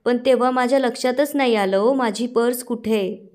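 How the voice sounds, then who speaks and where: A woman's voice: a little high, normal speed, darkish tone, lightly acted. A woman reading the lines of Prabhubai, a fretful, pleading middle-aged woman.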